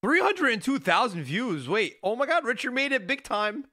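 A young man reacting to videos as a streamer, casual, profane, incredulous and quick to laugh. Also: extremely high pitch, sing-song, sharp tone, soft background music. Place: indoor room, seen on webcam.

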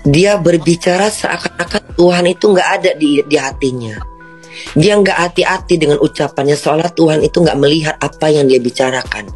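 A woman hosting a livestream who talks loudly and indignantly, rambling with many restarts. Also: low voice, brisk, faint music behind. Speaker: livestream host. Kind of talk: livestream rant.

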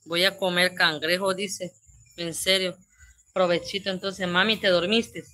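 Slow, bright Salvadoran woman streaming live. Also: fairly low pitch, level tone. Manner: reads each comment aloud, then answers it with pet names. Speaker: livestream host. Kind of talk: live stream, reading viewer comments aloud.

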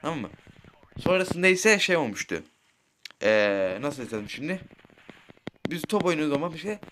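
Very animated and at normal speed, a teenage boy with a fairly high, slightly bright voice tells crude, rambling school anecdotes over mobile gameplay. He swears constantly and keeps asking "right?" to his listeners, with slight background noise behind him.

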